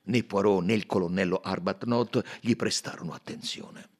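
Husky-voiced male audiobook narrator. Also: deep voice, normal speed. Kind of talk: scripted narration.

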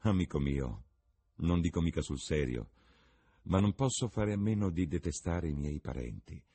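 A man's voice: low-pitched, animated, normal speed, dark tone, breathy edge, full character voice. A man reading the part of a witty, cynical young English lord, with a languid, ironic delivery.

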